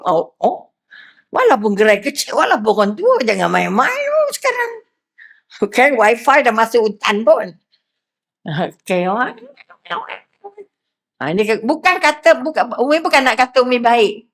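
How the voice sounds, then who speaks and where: A middle-aged woman with a Malaysian accent delivers a religious lecture, her voice sitting a little high. She keeps it lively, turning to her listeners with questions and slipping into quoted voices. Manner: lively, asks the crowd questions, acts out quotes. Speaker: preacher.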